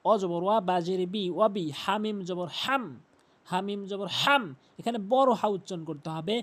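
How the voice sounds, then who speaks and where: A man's voice: high voice, fairly bright tone. A man leads a firm, step-by-step recitation lesson. He spells out each sound, repeats every word several times, and stretches the chanted prayer lines into long, melodic syllables. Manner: spells sounds out letter by letter, then chants the prayer slowly and drawn out. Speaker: Quran recitation teacher.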